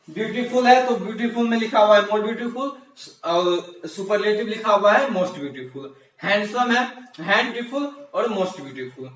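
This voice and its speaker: A man teaching an English grammar lesson, repeating words slowly and answering his own questions. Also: high-pitched. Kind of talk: classroom-style grammar lesson. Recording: echoey room, voice from far off the mic.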